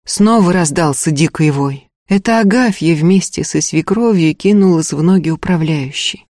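A woman's voice: fairly low pitch, moderate pace, a little mellow, no echo, clean studio sound. A woman reading a dramatic historical novel aloud as audiobook narrator. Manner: dramatic storytelling.

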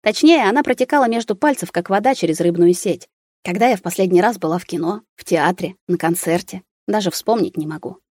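A woman reading a first-person audiobook in an even, measured storytelling manner. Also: on the low side, no room sound, clean studio sound. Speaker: audiobook narrator.

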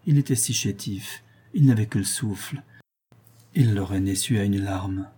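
A man voicing a poor, ill young laundress in a hospice, telling her troubles in a soft, plaintive way. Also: on the low side, moderate pace, husky.

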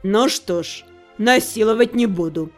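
A woman voicing a calm, genial older king with a measured, gently patronizing manner. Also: mid-range voice, soft background music, voice pushed down, natural voice.

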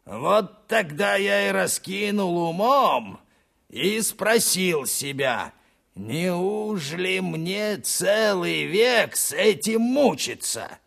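A man voicing a sly, self-pitying working-class informer in an audiobook, pleading and sanctimonious, with a gravelly voice. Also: sits high, big pitch swings, fairly bright tone, exaggerated voice. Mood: aggrieved. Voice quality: gravelly, creaky. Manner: wheedling, sanctimonious, drawn-out pleading. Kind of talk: dramatized audiobook reading.

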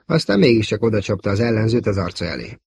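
Brief: male audiobook narrator, low husky voice, dry close sound, steady storytelling. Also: no room sound. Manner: measured storytelling. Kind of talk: scripted narration.

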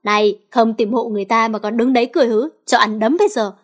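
A short-fused teenage girl dragged out of sleep , voiced by a woman storyteller. She grumbles and scolds in a somewhat high voice. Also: brisk, fairly bright tone, close to an everyday voice. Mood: grumpy. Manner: grumpy, scolding.

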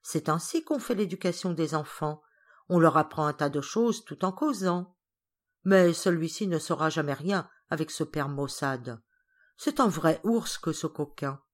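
A woman's voice: sits low, expressive, measured pace. A woman voicing a talkative, meddling spinster cousin in an audiobook, with a raised, insistent delivery. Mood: piqued.

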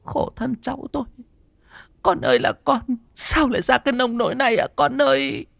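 Man voicing a shrill frantic old grandmother. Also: quick pace, vocal fry, fairly bright tone, no room sound, exaggerated voice. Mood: wailing. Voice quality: shrill, high and strained.

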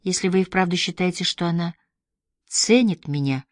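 Woman voicing a soft-spoken, gentle young woman. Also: fairly low pitch, moderate pace, no echo, clean studio sound, natural voice. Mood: earnest. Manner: quiet and earnest.

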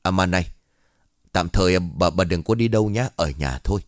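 A man voicing a frightened but dutiful older village head who speaks in urgent, hushed tones. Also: sits low, normal speed, dry recording, clean studio sound, close to an everyday voice.

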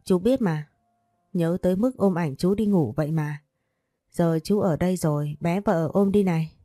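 A woman's voice: fairly low pitch, moderate pace, mellow, no room sound, natural voice. Woman reading as a doting possessive older lover. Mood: soothing. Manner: tender, teasing, bossy.

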